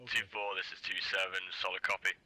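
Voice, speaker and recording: A man's voice: deep voice, flat delivery, fast, poor audio. Man calling over a walkie-talkie. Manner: loud, clipped, formal radio calls. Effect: over a walkie-talkie radio. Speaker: squad member calling over game radio. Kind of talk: clipped military radio procedure.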